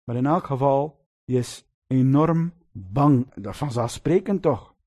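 A man's voice: mid-range voice, unhurried. A man preaching a sermon, telling the story vividly and often turning to his listeners with little questions. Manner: lively storytelling, addresses listeners with "lieve mensen" and tag questions.

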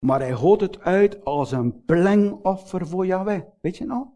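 High-voiced Flemish preacher. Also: male voice, expressive. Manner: earnest, addresses listeners directly with frequent rhetorical questions; swings between raised emphatic phrases and low, slowed, hushed endings. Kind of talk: sermon.

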